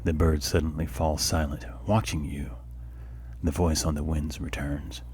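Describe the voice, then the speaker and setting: A man playing through a story game, reading the narration aloud with measured delivery and casual asides. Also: rumbling low, little pitch movement, a little mellow, slight background noise.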